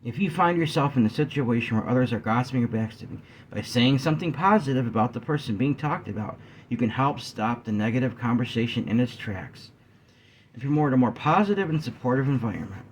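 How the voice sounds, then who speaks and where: Guy doing a serious talk to his viewers, lively up and down voice, keeps clearing his throat, bit of faint background noise. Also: medium pitch, a little fast. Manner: earnest, addresses viewers as guys; frequent throat clearing, yawning. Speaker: vlogger. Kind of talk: talking-head discussion to viewers.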